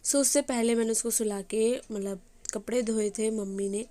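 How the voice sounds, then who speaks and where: A young woman with a hoarse voice, chatting casually as she narrates her day in a home vlog. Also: fairly high pitch, fairly even intonation, moderate pace, warm tone. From Bengali family. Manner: chatty, rambling with fillers. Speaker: vlogger.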